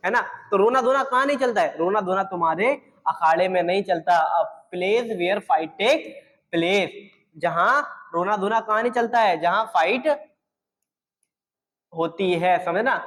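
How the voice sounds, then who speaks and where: High-voiced man teaching vocabulary with reverb. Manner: repeats key words and quizzes viewers with questions. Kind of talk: exam-prep vocabulary lesson.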